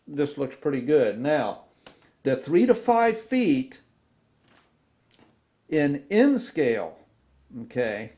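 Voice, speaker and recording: Speaking from a workbench indoors among his model trains, this video host has a slightly high, slightly mellow male voice. His casual tutorial covers model railroad cars, delivered slowly and peppered with fillers and false starts.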